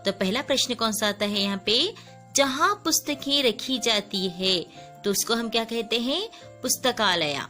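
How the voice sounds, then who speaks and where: A woman's voice: a little high, expressive, moderate pace, pushed and bright, soft background music. A woman teacher talking kids through a worksheet, patiently repeating and sounding out each word, now and then adding a short English gloss. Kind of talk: slow classroom lesson for children.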